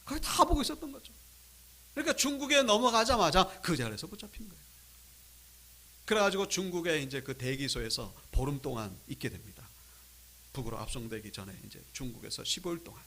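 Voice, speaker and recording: A male pastor tells a story from the pulpit in a high, lively voice that leaps up and down in pitch. His tone is bright and forceful, and he drops to near whispers before rising again to loud, dramatic peaks. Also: fairly quick, husky. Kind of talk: sermon storytelling. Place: church sanctuary.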